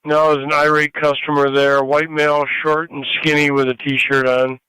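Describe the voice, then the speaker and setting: Bright, clear male police radio dispatcher. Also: fairly high pitch, little pitch movement, moderate pace, no echo, low-quality recording. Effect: two-way radio. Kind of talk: terse scanner radio dispatch.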